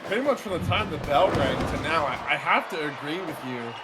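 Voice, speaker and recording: A man's voice: a little high, animated, fairly quick, loud music behind the voice. A man giving colour commentary as the second wrestling commentator, reacting to and assessing the match. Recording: noisy, loud crowd behind voice.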